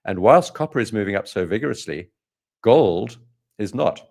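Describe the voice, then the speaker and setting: Deep-voiced man in his late fifties. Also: animated, normal speed, gravelly, darkish tone. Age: 50s. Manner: dry joking, walks through charts step by step. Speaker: trading analyst host. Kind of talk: live market commentary.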